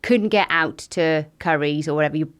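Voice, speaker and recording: A middle-aged woman speaks as an interview guest, her voice sitting low for a woman. She talks frankly and with energy, full of fillers. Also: fairly quick, smooth. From Wales. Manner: frank, lively, lots of fillers. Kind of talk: candid conversational storytelling.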